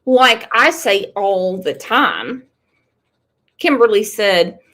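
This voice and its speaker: A woman with a medium-pitched voice and drawn-out words hosts a casual live stream while losing her voice. She reads chat comments aloud and responds with animated, emphatic, profane commentary, swearing freely.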